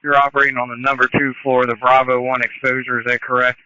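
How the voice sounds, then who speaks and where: A man's voice: mid-range voice, level tone, quick pace, bright, forceful tone, clean tone, dull audio. A man speaking as a fire incident commander over two-way radio, in clipped procedural firefighter radio style, repeating details back to confirm. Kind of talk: fireground radio dispatch. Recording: band-limited firefighter radio transmission.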